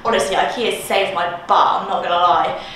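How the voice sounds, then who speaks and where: In this home tour vlog, a twenty-something woman gushes as she walks through her mostly empty new flat, her speech chatty and bubbly. Her voice is on the low side and brisk. The handheld camera mic catches echoey rooms and slight background noise.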